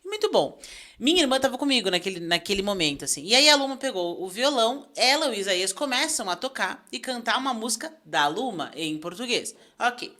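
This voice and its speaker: Brief: brisk female host from Brazil, lively storyteller in casual interview chat. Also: fairly high pitch. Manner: animated, emotional storyteller. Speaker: podcast host.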